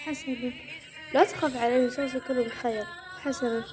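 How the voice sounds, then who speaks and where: A woman voicing characters in a home-made toy drama, speaking in a soft, soothing way. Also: high voice, steady tone, brisk, over music. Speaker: narrator and voice of all characters.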